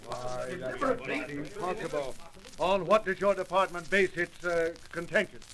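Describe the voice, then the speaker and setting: High-pitched, blustering old-radio director. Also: male voice, animated, unhurried, crowd noise. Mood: indignant, alarmed. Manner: blustery, demanding. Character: blustering, indignant male company director. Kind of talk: 1930s American radio drama acting. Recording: old 1930s radio recording, faint noise.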